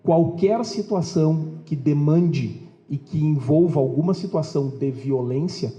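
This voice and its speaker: Dark-voiced police officer, formal address. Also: male voice, on the high side, muffled recording. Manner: measured, official phrasing with pauses and fillers. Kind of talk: formal speech at a public event.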